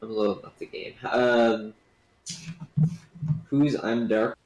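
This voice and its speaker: A man's voice: on the low side, fairly even intonation, takes it slowly, a little mellow, poor audio. A gamer man talking casually in an offhand way, heard over a group voice chat.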